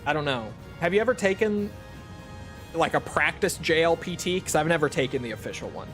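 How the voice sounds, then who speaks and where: Brisk and lively, the man's fairly bright, slightly high voice carries over soft background music. He's livestreaming a game and bantering with his audience, wandering off on tangents, mocking himself, and cursing offhandedly.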